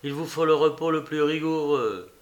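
A man voicing a soft-spoken young woman. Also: a little high, moderate pace, close to an everyday voice. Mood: tender, firm. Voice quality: soft, hushed. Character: gentle young woman nursing her sweetheart. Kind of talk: audiobook character voice.

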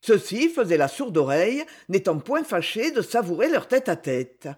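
Man, audiobook narrator, high voice, lively melodic delivery. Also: moderate pace, slightly rough.

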